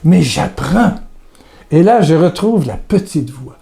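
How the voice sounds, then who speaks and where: Mellow-voiced man giving a hesitant devotional talk. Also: on the high side, animated, slow pace, creaky. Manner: hesitant, repeats words, speaks intimately to the listener.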